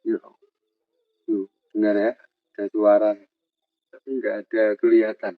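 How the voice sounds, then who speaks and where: A man, filming himself camping alone outdoors at night, narrating in a tense hush and muttering prayers. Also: fairly low pitch, monotone, unhurried, no echo, narrow, tinny audio. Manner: tense, repeats short urgent calls to listen; muttering prayers under breath. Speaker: solo camping vlogger. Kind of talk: hushed on-the-spot night vlog narration.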